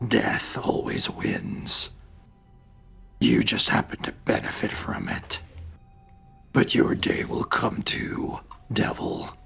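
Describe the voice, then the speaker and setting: A man voicing a sorrowful, resolute warrior in a tabletop game, with a husky, half-whispered growl and slow, solemn delivery. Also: on the low side, wildly swooping pitch, fairly bright tone, faint music behind, heavily acted. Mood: grimly defiant. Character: sorrowful, grave male warrior, weary and resolute.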